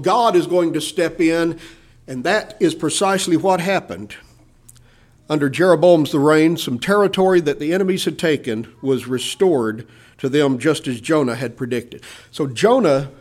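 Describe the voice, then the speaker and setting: A man with a high, light voice delivers a sermon. He swings between emphatic, rising lines and quiet, low asides as he explains a passage to his listeners. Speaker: preacher.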